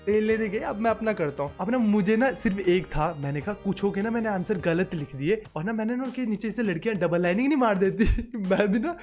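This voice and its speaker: Young man, casual storytime vlog, animated, acts out quotes, faint music behind. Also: high voice, brisk, hardly any pauses. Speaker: vlogger.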